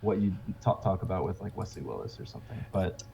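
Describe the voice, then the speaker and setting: Hesitant low-voiced man on muffled audio. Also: expressive, quick pace, gravelly, mellow, slight background noise. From United States. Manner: hesitant, searching for words, laughs nervously. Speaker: record label co-founder, guest. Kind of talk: casual podcast interview.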